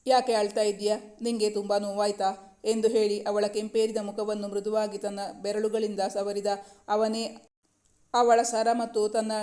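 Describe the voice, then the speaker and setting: A woman narrating a romance novel in a measured, literary storytelling manner. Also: medium pitch, dark tone.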